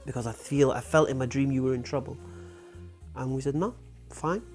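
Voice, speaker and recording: Faint music sits behind a brisk, medium-pitched, somewhat mellow male voice. The speaker, a man in his forties raised in Wales, is a guest in a casual interview, telling personal stories frankly and plainly with frequent ums and uhs.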